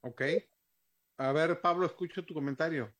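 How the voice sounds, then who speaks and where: A man moderating a Bible study panel, briskly handing the turn to each speaker. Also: fairly high pitch, fairly bright tone.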